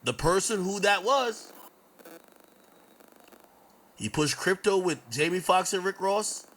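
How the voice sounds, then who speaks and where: On a stream, a man spins a long, casual, profanity-laced story, animatedly performing what people said. His voice is high and his delivery slow, and the recording quality is rough.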